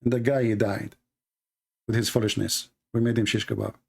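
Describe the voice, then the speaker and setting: Speaking on the low side with a flat delivery and moderate pace, this man's voice is gravelly, a little mellow, and edged with breath. He hosts a live call-in debate stream, arguing heatedly in a combative, sarcastic way, in fluent English with non-native grammar.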